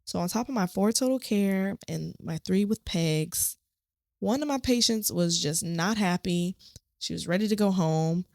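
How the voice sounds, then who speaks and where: A woman podcast host, a nurse, telling a story from a shift in a lively, animated way. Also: mid-range voice, measured pace, dry recording, studio quality. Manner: animated storytelling, acts out quotes.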